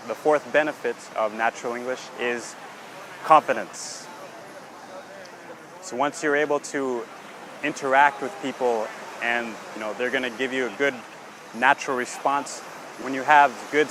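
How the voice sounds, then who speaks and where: A man's voice: mid-range voice, background noise. A man hosting an English-learning podcast, explaining patiently and checking in often with "okay?". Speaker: English teacher.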